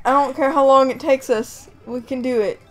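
A woman's voice: high voice, fairly even intonation, moderate pace, faint music behind. A woman playing a game with friends, defending her moves and giggling in casual banter. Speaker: gaming channel host. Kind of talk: casual let's-play banter.

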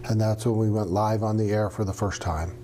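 A middle-aged man from New Hampshire, a radio professor answering interview questions in a relaxed, storytelling way with some fillers. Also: on the low side, fairly quick, a little hiss or hum. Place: studio with green screen.

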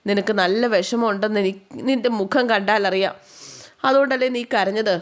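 A woman's voice: mid-range voice, normal speed, natural voice. A woman voicing a fiercely protective elder sister who scolds in indignation. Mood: indignant.

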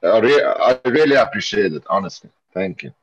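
A man on a conference call asking polite, halting questions, his voice coming through the call line. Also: fairly low pitch, expressive, crowd noise. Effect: remote voice heard over a conference call. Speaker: meeting participant asking questions. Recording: muffled lo-fi conference call audio.

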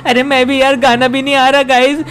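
Woman putting on a mischievous little boy, high squeaky voice, whiny, excitable, panicky cartoonish game commentary. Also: brisk, natural voice. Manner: whiny, excitable exclamations, talks to viewers. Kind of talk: gameplay commentary in character.

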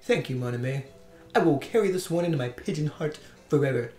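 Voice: medium pitch, animated, fairly quick, a little mellow, reverberant, soft background music, voice pushed down, natural voice. A gamer voicing a suave, French-accented male pigeon charmer while reading dialogue aloud from a dating game. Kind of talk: let's play character voice.

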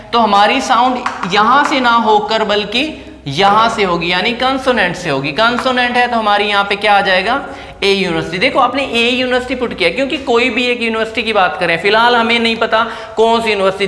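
A man's voice: high voice, pushed and bright. Man, teacher, classroom lecture, rhetorical questions, roomy echo, long reverb. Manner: explains step by step with rhetorical questions. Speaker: English teacher. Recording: echoey room with long reverb.

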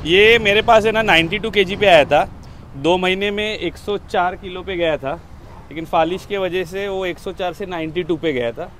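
A man's voice: sits high, normal speed, fairly bright tone, a little hiss or hum. A man, a farm caretaker, giving plain matter-of-fact answers in a casual interview outdoors on a farm.

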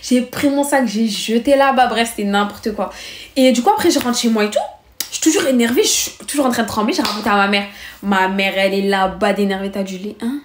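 A teenage girl telling an animated story to her viewers, acting out the people in it in a heated, fast way. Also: fairly high pitch, roomy sound. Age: teens.

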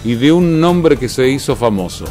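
A man's voice: mid-range voice, lively intonation, moderate pace, a little mellow, faint music behind. A man anchoring the news, commenting conversationally in the studio with frequent fillers. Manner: conversational, explanatory, many fillers.

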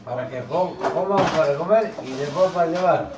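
Man, party guest, hesitant halting toast; distant, noisy home kitchen. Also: on the high side. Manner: hesitant, repeats words. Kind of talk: halting casual speech. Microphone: far handheld camera. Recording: echoey, distant, noisy room.

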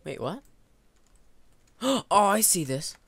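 Man, excitable, casual gaming commentary, bright tense voice, faint background hiss. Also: sits high, slow pace. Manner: excitable, yelps and laughs at in-game mishaps. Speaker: game video co-host.

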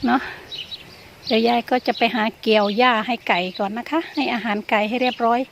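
A woman's voice: on the high side, steady tone, a little fast. An older woman chatting casually as she vlogs in her garden, pointing things out as she goes. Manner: chatty show-and-tell, often pointing things out. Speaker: gardening vlogger. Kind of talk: casual vlog chat while gardening. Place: outdoors in a rural garden. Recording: outdoor recording with clear background noise.

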